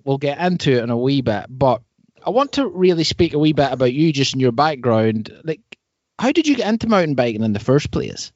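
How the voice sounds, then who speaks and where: A man's voice: mid-range voice, a little mellow, no echo, dull audio. A man hosting a podcast, chatting in an informal, chummy way as he introduces and questions his guest. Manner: informal, chummy, uses slangy address. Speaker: podcast host. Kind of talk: casual chat, interviewing.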